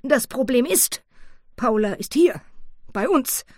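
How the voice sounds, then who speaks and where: A woman's voice: a little high, animated, slow, a little mellow, dry recording, studio quality, voice pushed up. A woman voicing a prim, polite noblewoman. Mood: earnest. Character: prim, polite female lady of rank.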